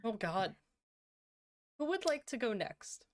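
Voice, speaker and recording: A young woman co-hosting a casual podcast chat, playful and quick to giggle. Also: fairly high pitch, big pitch swings. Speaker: podcast co-host.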